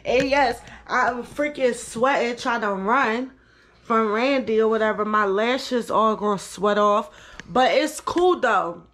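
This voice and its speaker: A woman's voice: a little high, slow pace, fairly bright tone. A woman vlogger chatting casually through a prank, laughing constantly between words. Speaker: YouTube vlogger. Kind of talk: casual prank vlog chat.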